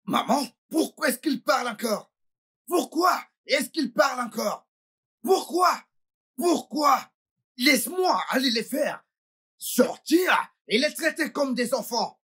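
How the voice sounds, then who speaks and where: A woman dubbing a hurt young man who keeps shouting that he could have killed them all, in a French film dub. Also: a little high, expressive, normal speed, slightly rough. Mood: raging, sobbing. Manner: repeats threats, shouting and sobbing. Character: young man, hurt and raging, bent on revenge.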